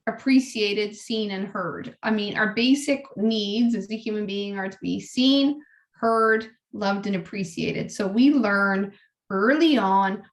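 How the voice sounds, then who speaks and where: A woman guest speaking earnestly in a casual interview, often repeating words as she restarts her thoughts. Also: on the high side. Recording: roomy echo.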